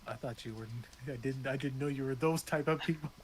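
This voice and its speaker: A man's voice: medium pitch, a little fast. A young man playing in a live tabletop game, joking and brash. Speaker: player. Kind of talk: casual tabletop play.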